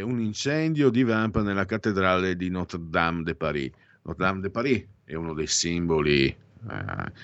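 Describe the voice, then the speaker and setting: A low-voiced man hosts a radio or podcast segment reading the day's anniversaries, offering casual commentary and opinions. He digresses a lot, restarting, correcting himself and tossing in ironic asides, on a dry, dull-sounding recording.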